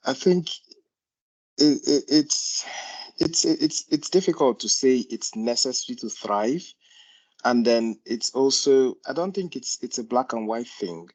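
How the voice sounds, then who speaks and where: Man, Nigerian accent, low voice, informal discussion, halting explanations with repeated words. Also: darkish tone, low-quality recording. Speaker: GP doctor, meeting participant.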